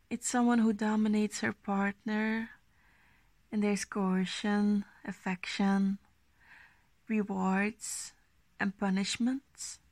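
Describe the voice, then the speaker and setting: Woman in slow ASMR role-play as dominant girlfriend. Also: medium pitch, flat delivery, no echo. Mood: coaxing, possessive. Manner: slow, breathy, intimate, soft-spoken, coaxing. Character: affectionate, gently dominant girlfriend, possessive and coaxing.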